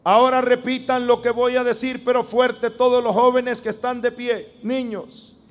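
A man's voice: very high voice, little pitch movement, normal speed. A man preaching a sermon to a congregation, emphatic and drawn out, calling on them to repeat after him.

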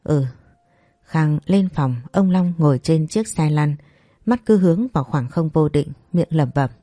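A narrator reading a scripted audio story in a steady, even way. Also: mid-range voice, normal speed, dry recording, studio quality.

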